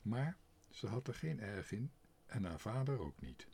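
Man reading a storybook, husky voice, slow, very lively pitch, expressive narration.

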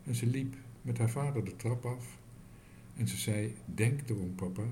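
A man reading a children's story aloud as narrator, in an expressive storytelling manner. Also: medium pitch, a little slow, slight background noise.

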